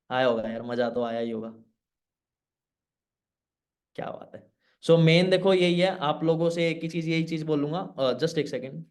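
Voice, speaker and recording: An energetic man mentors young people in an online session. He tells a fable and keeps quizzing his listeners, dropping English words into his talk. His voice sits fairly high for a man. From Pakistan. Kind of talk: motivational storytelling session.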